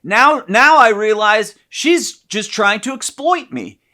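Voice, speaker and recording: Man, casual podcast talk, bright tense voice, lively swoops, profane, loud emphatic bursts. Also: high-pitched, slow. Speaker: podcast co-host, therapist. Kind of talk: candid casual conversation.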